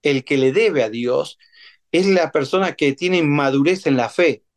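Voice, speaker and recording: A man's voice: fairly high pitch, unhurried. A man preaching a sermon in an emphatic way, repeating phrases and asking his congregation rhetorical questions.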